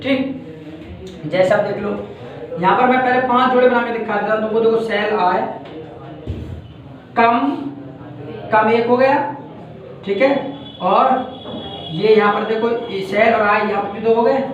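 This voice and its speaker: A man's voice: high-pitched, fairly even intonation, unhurried, pauses often, lo-fi sound. An Indian man teaching a class, explaining step by step and repeating each point, checking that students follow. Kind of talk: classroom lecture. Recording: very echoey room from far off.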